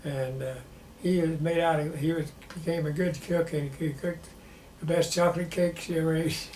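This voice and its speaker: An old war veteran in his nineties with a Southern US accent remembers his life in a plainspoken, halting way during an interview. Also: on the high side, steady tone, a little mellow. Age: 90s. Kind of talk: personal reminiscence in an interview. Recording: roomy echo with faint background noise.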